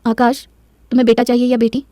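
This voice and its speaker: Woman doing a timid young pregnant wife, hesitant, pleading, high-ish voice. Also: monotone, fast, dark tone, no echo, clean studio sound, natural voice.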